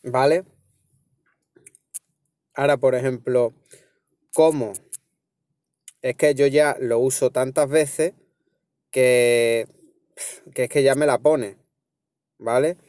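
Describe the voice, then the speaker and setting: Relaxed Spanish man explaining a phone tutorial. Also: mid-range voice, takes it slowly, long pauses, no echo, studio quality. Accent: Spanish from Spain. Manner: relaxed, explaining step by step with frequent "¿vale?" and "¿veis?". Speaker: tech tutorial host. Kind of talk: casual screen-recorded tutorial.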